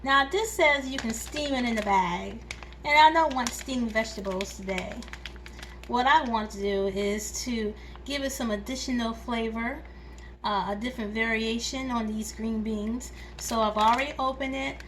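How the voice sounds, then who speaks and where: A woman with a slightly high voice talks through a recipe in her home kitchen, easygoing and chatty. A faint ambient hum sits behind her. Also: normal speed, a bit bright. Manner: chatty and homey, talks viewers through each step. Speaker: home cooking channel host. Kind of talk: casual cooking demonstration.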